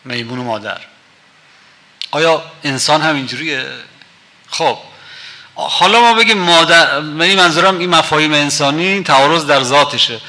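Brief: male lecturer, conversational storyteller, fairly high voice with a sharp, forceful edge. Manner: conversational, asks rhetorical questions. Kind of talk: storytelling lecture with quoted poetry.

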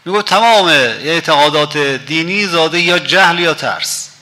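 Brief: male lecturer, conversational storyteller, fairly high voice with a sharp, forceful edge. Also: expressive. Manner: conversational, asks rhetorical questions. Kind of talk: storytelling lecture with quoted poetry.

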